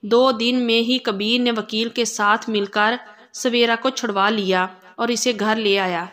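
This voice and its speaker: A woman tells a moral story in steady, dramatic narration. Her voice sits somewhat high, and she reads the script from start to end.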